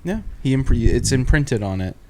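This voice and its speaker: A man co-hosting a podcast in casual chat, animated and swearing freely. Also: moderate pace, slight background noise. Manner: animated, swearing, jumps into high mock voices. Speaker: podcast co-host.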